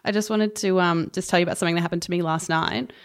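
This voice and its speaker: A woman's voice: on the low side, steady tone, rapid-fire. A woman hosting a podcast, chatting casually and playfully, often giggling. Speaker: podcast host. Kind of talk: casual chat.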